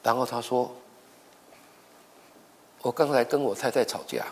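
A man's voice: mid-range voice, a little slow. A middle-aged male pastor preaching a sermon, telling stories with acted-out dialogue and often repeating words as he goes. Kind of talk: sermon with storytelling.

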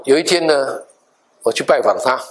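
A middle-aged male pastor telling a story in a sermon, animated and acting out the dialogue, with English words mixed in. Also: medium pitch, normal speed. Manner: animated, acts out dialogue in different voices.

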